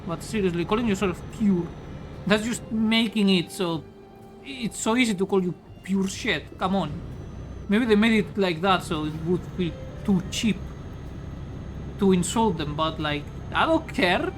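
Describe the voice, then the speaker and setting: A woman's voice: mid-range voice, expressive, unhurried, faint music behind, poor audio. A woman from Spain with a Spanish accent, chatting casually and crudely while streaming a game into a mic with a pop filter. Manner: rambling, crude, joking. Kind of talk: casual chat while gaming. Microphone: studio mic with pop filter.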